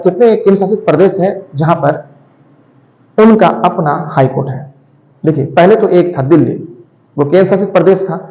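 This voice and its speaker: A male teacher explaining a lesson quickly, often correcting himself and repeating his points. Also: a little high, gravelly, dark tone. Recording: echoey room, dull lo-fi sound.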